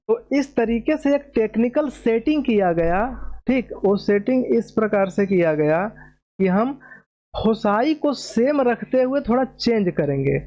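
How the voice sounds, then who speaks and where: A man's voice: high-pitched, muffled recording. A man teaching a maths lecture, explaining step by step at a board, patiently repeating key terms and checking that students follow.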